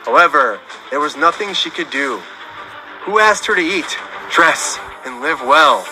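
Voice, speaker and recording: A man narrating a serialized story in an even storytelling manner. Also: a little high, unhurried, over music, low-quality recording. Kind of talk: scripted narration.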